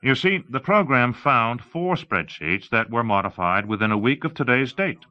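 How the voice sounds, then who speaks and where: Narrating an audiobook, a man voices an eager, showy salesman demonstrating voice software to an audience, explaining enthusiastically with emphatic, carefully enunciated speech. His medium-pitched voice swings widely in pitch at a moderate pace, pushed up and lightly acted. The audio sounds slightly muffled.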